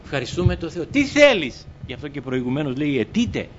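In a muffled recording with slight background noise, a man with a medium-pitched, darkish voice preaches a sermon. He reads scripture, then exhorts the congregation, rising emphatically on his questions and addressing them as beloved brothers.

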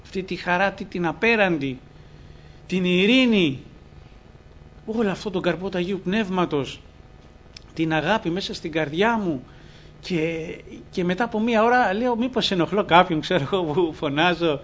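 Fervent high-voiced man preaching. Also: expressive, a bit bright. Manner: earnest, fervent, often quoting scripture with "λέει". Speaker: preacher giving testimony. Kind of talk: testimony sermon. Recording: dull lo-fi recording with faint ambient noise.

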